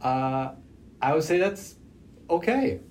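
Speaking through a face mask on a socially distanced podcast setup, a male host sounds slightly muffled, with noticeable background noise in the recording. His voice is fairly high and a little mellow, slow in pace but lively in intonation as he chats casually.

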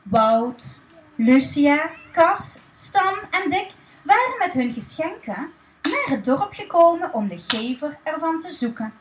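A woman reading a children's story aloud in a lively, expressive way. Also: sits high, takes it slowly, echoey room, a little hiss or hum, poor audio.

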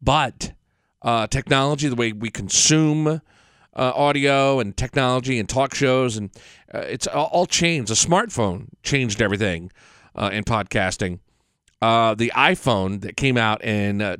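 Smooth-voiced man hosting a podcast, close and dry. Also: mid-range voice, a bit bright, no room sound. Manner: blunt, opinionated, swears casually. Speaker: podcast host. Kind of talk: casual unscripted solo podcast talk.

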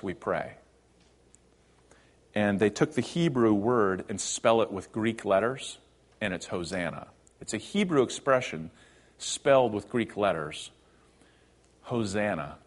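A man preaching a sermon in a conversational teaching style, at times lifting his voice for emphasis and at times dropping it low. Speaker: pastor.

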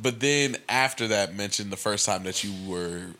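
A man's voice: lowish voice, normal speed, bright, forceful tone, slight background noise. A man joining a podcast conversation, laid-back and teasing in casual chat.

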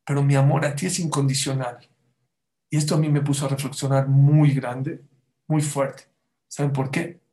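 A man's voice: mid-range voice, flat delivery, moderate pace, mellow. A man giving a sermon as a rabbi, telling stories and asking the audience rhetorical questions.

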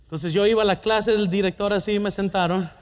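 A man's voice: high voice, steady tone, fairly quick. A middle-aged man preaching a sermon, telling a personal story and asking the congregation questions.

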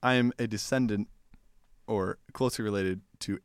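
A man's voice: fairly low pitch, fairly even intonation, normal speed, clean tone, dry recording, studio quality. A young man in his twenties playing a party game with friends, laughing easily and playfully evasive. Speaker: game player. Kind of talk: casual chat among friends.

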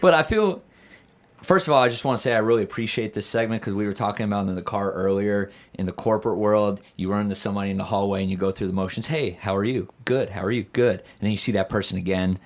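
A man's voice: on the low side, steady tone, fast talker. A hungover man chatting candidly and casually as a podcast guest, a bit hesitant and rambling.

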